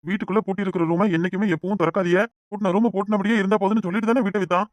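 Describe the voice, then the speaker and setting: Cartoon: man as an exasperated Kanyakumari husband, high, very fast, dry studio. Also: fairly even intonation, no echo, lightly acted. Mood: scolding. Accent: Kanyakumari Tamil. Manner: brisk, exasperated. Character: impatient young village husband. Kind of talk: cartoon voice acting.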